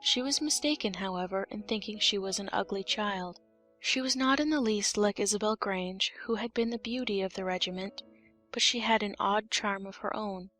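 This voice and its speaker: An audiobook narrator, a woman with an average-pitched, somewhat bright voice, reads a storybook in a scripted style at a moderate pace. Faint music plays in the background.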